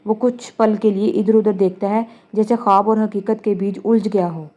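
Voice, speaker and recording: A woman narrating a novel as an audiobook, in a calm, even storytelling manner. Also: mid-range voice, highs cut off. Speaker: novel reader.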